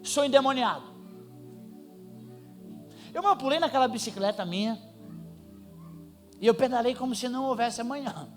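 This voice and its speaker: A man preaching, telling a personal testimony in an animated, comic storytelling manner in church. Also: extremely high pitch, fairly quick, long pauses, soft background music. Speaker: pastor. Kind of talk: sermon testimony.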